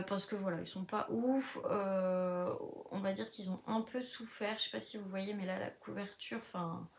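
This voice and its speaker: A woman, a book vlogger chatting casually with many fillers and restarts, sometimes reading blurbs aloud. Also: fairly high pitch. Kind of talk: casual chat, reading back covers aloud.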